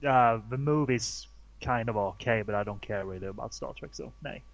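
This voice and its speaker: A man's voice: medium pitch, moderate pace, gravelly, no echo, muffled recording. A man co-hosting a casual chat, offhand with dry remarks. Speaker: podcast co-host.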